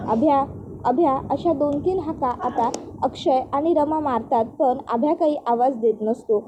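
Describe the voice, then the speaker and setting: A woman narrating a spoken episode recap in a steady storytelling manner. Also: sits high, moderate pace. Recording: dull audio with faint noise.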